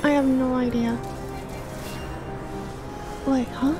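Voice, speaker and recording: A slow-speaking woman with a high-pitched voice streams a game to the sound of game music, chatting casually as host. Excitable and flustered, the English literature teacher exclaims a lot and panics into repeated words.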